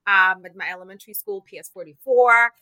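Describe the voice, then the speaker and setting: A woman's voice: mid-range voice, a little fast, bright, forceful tone, no room sound, rough recording. A woman in her thirties from Zimbabwe, a TV host who is a guest on a podcast, telling stories with playful, self-mocking humor. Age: 30s. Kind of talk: casual interview chat.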